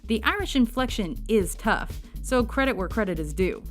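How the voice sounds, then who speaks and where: A woman's voice: medium pitch, lively intonation, moderate pace, over music. A woman reading a scripted countdown narration with wry, sarcastic asides.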